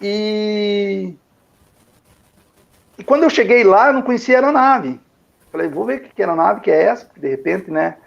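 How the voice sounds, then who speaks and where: A man's voice: high voice, lively intonation, moderate pace, vocal fry, long pauses. An older man with a Brazilian Portuguese accent telling his testimony to a pastor, rambling and repeating himself with lots of fillers. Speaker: guest giving a testimony. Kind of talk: emotional storytelling. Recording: dull lo-fi recording.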